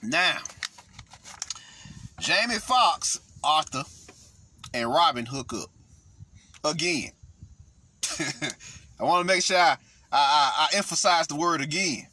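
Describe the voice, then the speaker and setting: A man's voice: fairly high pitch, animated, measured pace, pauses often, bright, forceful tone, a little hiss or hum. A man hosting casual commentary, rambling and profane, with frequent restarts. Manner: rambling, profane, frequent restarts, "see what I'm saying". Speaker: host.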